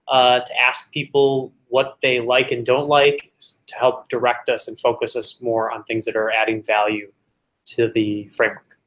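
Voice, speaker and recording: A man talking at a casual team meeting, chatty and speaking in quick bursts. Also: mid-range voice, fairly bright tone. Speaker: meeting participant.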